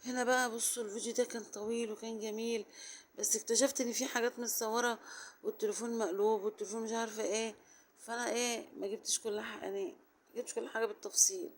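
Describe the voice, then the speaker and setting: A woman with an Egyptian Arabic accent and a sore, hoarse throat, chatting her way through a casual home vlog. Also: a little high, flat delivery, racing, a little hiss or hum. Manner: chatty, rambling, fond of fillers. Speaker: home vlogger.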